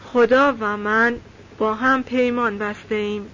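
Devout village man voiced by a woman reader, calm, insistent, slightly high tone, dull recording, faint hiss. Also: close to an everyday voice. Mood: calm insistence.

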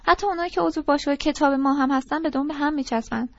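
A woman's voice: high-pitched, no room sound, pitched above the performer's own voice. A woman voicing a disgruntled teenage boy who rambles through complaints and pleads eagerly, in an audiobook reading. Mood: ranting. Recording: dull lo-fi recording.

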